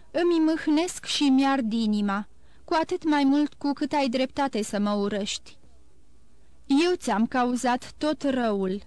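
A woman voicing a grave, composed nobleman count who speaks in a measured, formal and consoling way, in an audiobook. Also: fairly high pitch, a little mellow, smooth, dry recording, lightly acted. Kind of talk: audiobook character reading.

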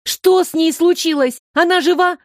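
A woman's voice: high voice, animated, slow, no echo, clean studio sound, voice pushed up. A woman voicing a bold, outspoken little girl, in a storybook reading. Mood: indignant. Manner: loud and outspoken.

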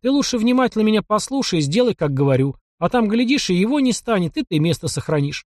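A man's voice: high-pitched, big pitch swings, fast, a little mellow, no echo, studio quality, pitched above the performer's own voice. A man voicing a young hunter who is bold, sly and defiant, talking in a mocking, cocky way. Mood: scheming.

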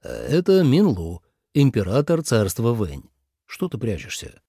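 A man reading an audiobook voices a weary male war god general, calm and measured. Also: medium pitch, husky, no room sound, studio quality, heavily acted.

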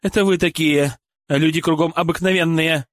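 A man's voice: a little high, fairly even intonation, a little fast, no room sound, clean studio sound, pitched above the performer's own voice, lightly acted. A man reading an audiobook, voicing an angry, bitter woman, a former shop clerk and mother, who hurls accusations and insults. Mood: bitter, furious. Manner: harsh, accusing, shouting insults.

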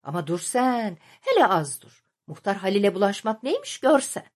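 A woman's voice: medium pitch, very animated, normal speed. A woman reading the lines of an angry male village headman in an audiobook, muttering curses and threats. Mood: grumbling, vengeful.

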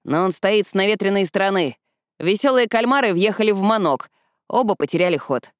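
A woman voicing a man on lookout who gives brisk, matter-of-fact reports. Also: medium pitch, animated, no room sound, clean studio sound, natural voice. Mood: alert.

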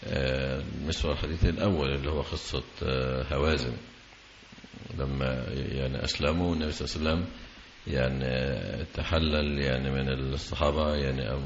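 A man giving a religious lesson, reading a commentary aloud and explaining it in a slow, measured way with long drawn-out pauses. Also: rumbling low, steady tone, a little hiss or hum. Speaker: Islamic scholar teaching hadith commentary. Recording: echoey, dull lecture recording.

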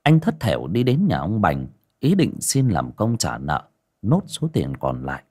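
A man narrating a dramatic story in an expressive storytelling manner. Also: low-pitched, a little slow, husky.

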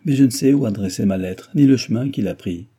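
A male audiobook reader voices an earnest, distressed young heiress from a classic novel, pleading her case in a raised, careful tone over a dark, husky base. The storybook narration sits at medium pitch, a little fast, close to an everyday voice.

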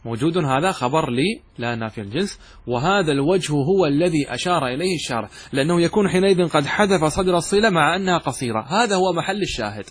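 A man's voice: a little high, lively intonation, fast talker, breathy edge. A man teaching grammar in a classroom lesson, explaining step by step and quizzing his students.

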